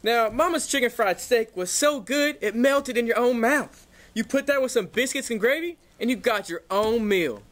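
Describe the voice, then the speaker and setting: A blustering Texan pundit, played by a man, with a high male voice. He rambles pompously in a folksy way, as a guest in a comic news parody. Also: lively intonation, normal speed, a bit bright. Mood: folksy rambling. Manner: folksy, long-winded, blustering. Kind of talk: scripted news satire sketch.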